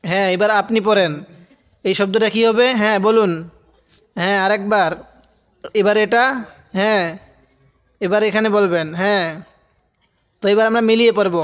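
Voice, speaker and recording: Bangladeshi guy teaching recitation, fairly high voice, smooth and clear, drags syllables out slow then explains quicker. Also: fairly even intonation. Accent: Bangladeshi Bengali. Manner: addresses viewers directly and pauses for them to repeat. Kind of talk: slow spelled-out Quran lesson.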